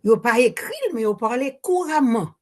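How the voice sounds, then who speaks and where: Holding a handheld mic at a public Q&A, an older woman from Haiti offers spontaneous remarks as she poses a question. She speaks French with a Haitian accent and Creole words mixed in, hesitating and starting over frequently. Her fairly high voice is animated and darkish, at normal speed.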